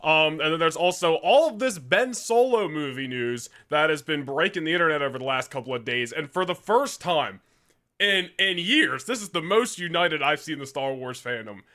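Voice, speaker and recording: A man's voice: fairly high pitch, animated, moderate pace, bright, forceful tone. A young man co-hosting a podcast, chatting casually with loose slang and frequent laughter. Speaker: podcast co-host. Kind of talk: casual chat.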